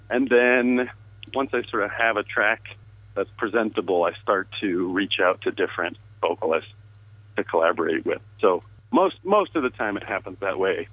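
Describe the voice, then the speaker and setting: A relaxed man speaks over a phone line that sounds thin and tinny. His voice sits low, and the line is dry with no room sound. He chats casually and laughs often. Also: dry recording. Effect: heard over the phone. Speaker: music producer guest. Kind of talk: casual interview chat.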